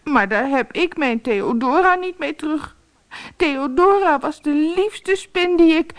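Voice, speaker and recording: A woman voicing a small bramble boy in a storybook, speaking high and pleading. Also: lively intonation, a little slow. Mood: upset.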